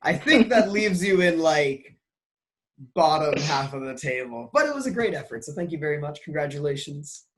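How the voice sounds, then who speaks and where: A man's voice: a little high, very animated, moderate pace, a bit bright. A man hosting a casual interview and quiz show, playful and teasing in an upbeat way. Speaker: podcast host running a quiz.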